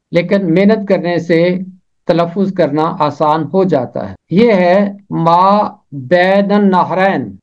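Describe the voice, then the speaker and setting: A man giving a slow, deliberate lesson on how to pronounce words from the Bible, carefully repeating each word. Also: high-pitched. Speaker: Bible pronunciation teacher. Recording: slightly muffled lo-fi recording.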